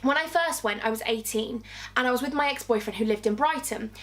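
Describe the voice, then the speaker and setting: A woman's voice: a little high, fairly quick. Chatty English young woman telling stories. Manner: chatty, rambling storyteller with fillers. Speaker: vlogger. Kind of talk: storytime vlog.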